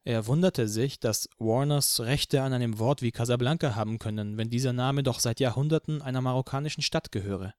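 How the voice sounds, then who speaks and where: A man narrating an audiobook in the first person, calm and steady in the narration. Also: mid-range voice, a little fast, few pauses, dry recording, studio quality.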